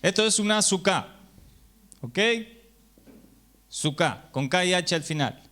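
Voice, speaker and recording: This sermon comes from a man whose high voice is animated and sharp, moving at an ordinary pace. Addressing his congregation, he explains things patiently and poses rhetorical questions to keep listeners with him.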